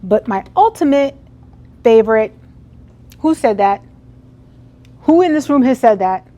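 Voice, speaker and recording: A woman's voice: fairly high pitch, lively intonation, a little slow, mellow. A woman giving a motivational keynote speech to a live audience in an event hall, talking conversationally and putting questions to the crowd. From United States. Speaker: keynote speaker.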